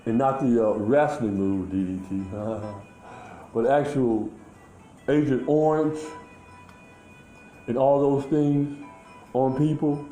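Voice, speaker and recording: A man talking in a rambling, halting way, full of fillers and restarts, in a casual monologue recorded outdoors. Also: medium pitch, warm tone, echoey room, faint music behind, low-quality recording.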